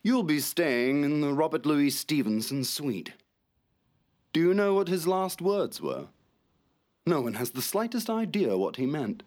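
A man's voice: a little high, sing-song, measured pace, a little mellow. A man narrating in an arch, mock-critical commentary style. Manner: arch and mocking.

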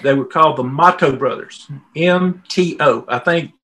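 Speaking at a moderate pace, a middle-aged man with a Southern US accent has a sharp-toned voice on the higher side. He's a volunteer interview guest sharing personal tales in a homespun, conversational fashion.

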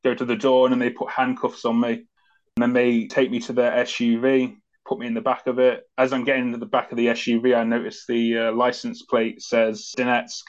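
A man's voice: mid-range voice, monotone, a little fast. A man, a former soldier, recounting events as an interview guest in a loose, conversational way with many fillers. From Britain. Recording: dull lo-fi audio.

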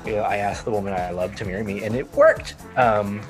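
A man's voice: on the low side, steady tone, brisk, faint music behind. A man with a Texan accent, co-hosting a casual podcast chat and rambling with lots of fillers and restarts. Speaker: podcast co-host.

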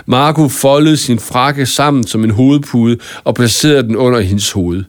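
A man reading a children's story aloud in a calm, even narration. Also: medium pitch, no room sound, studio quality. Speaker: audiobook narrator. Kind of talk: scripted narration.

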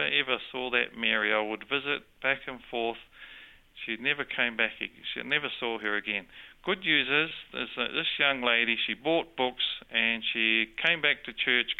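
A man born in Australia and raised in New Zealand speaks with a New Zealand accent as an interview guest. He earnestly shares his faith story in a conversational testimony, often restarting his sentences. His mid-range voice is smooth, but the audio is narrow and tinny.

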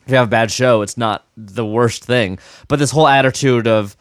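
A man's voice: mid-range voice, fairly quick, no room sound, clean studio sound. A man co-hosting a podcast, telling a story in casual chat with many restarts. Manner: animated storytelling, frequent restarts. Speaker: podcast co-host.

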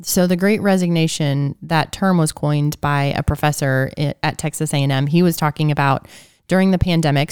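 Woman, podcast co-host, casual chat, low voice, very clear tone. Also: darkish tone, dry recording, clean studio sound. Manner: upbeat, explains things plainly.

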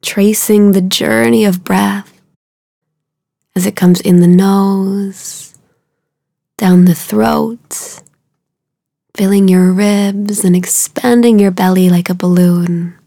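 In a hushed, soothing voice, a woman guides a meditation, speaking very slowly and levelly with fairly even intonation, her pitch barely shifting. Her phrases trail gently into breath, and a gravelly fry colors her tone. The sound is close, unhurried and dry.

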